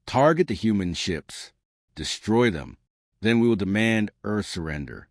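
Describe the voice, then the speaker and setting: A man's voice: fairly low pitch, animated, unhurried, dry recording, studio quality. A man voicing a ruthless, contemptuous alien male war leader in a narrated sci-fi story. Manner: scornful, commanding.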